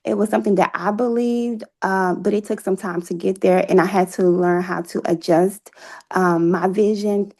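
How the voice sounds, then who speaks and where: An author and playwright, appearing as an interview guest, tells her personal story earnestly and reflectively. Her mid-range voice is steady and warm, at a normal speed.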